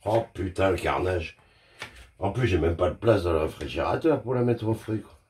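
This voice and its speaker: A man's voice: sits low, normal speed, darkish tone. A man chatting casually in a cooking vlog in his home kitchen, joking about his own mistakes, swearing freely and talking straight to the viewer while he works. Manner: joking, self-mocking, crude swearing. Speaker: home cook vlogger.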